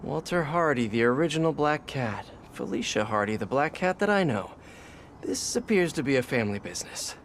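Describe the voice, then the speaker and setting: A man's voice: mid-range voice, animated, a little fast, slight background noise, lightly acted. A man playing a young, wisecracking superhero in a video game, with a playful, eager, wry way of talking. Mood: focused. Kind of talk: video game voice acting, quippy banter.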